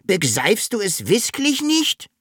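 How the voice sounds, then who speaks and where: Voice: medium pitch, animated, slow pace, sharp tone, husky, dry recording, clean studio sound, pitched above the performer's own voice, full character voice. A narrator voicing a small, puzzled male dragon who swaps his R sounds for S in a storybook reading. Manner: lisping mix-up of R and S sounds.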